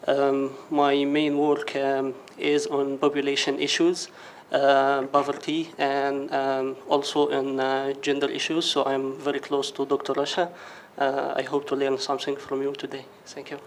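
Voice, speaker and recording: Flat-voiced male research analyst. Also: mid-range voice, a little slow, few pauses, a little hiss or hum. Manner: filler-heavy self-introduction.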